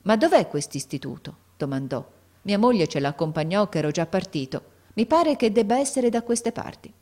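A woman's voice: medium pitch, big pitch swings, moderate pace, voice pushed up. A woman reading a story aloud, voicing an emotional, anxious father, a gardener who keeps exclaiming. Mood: eager. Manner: emotional, exclaiming, rising to near shouts. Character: anxious, overjoyed working-class father, a gardener.

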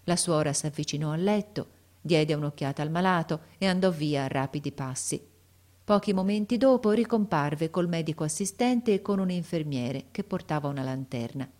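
Low-voiced woman narrating a story. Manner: measured, expressive reading. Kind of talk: audiobook narration.

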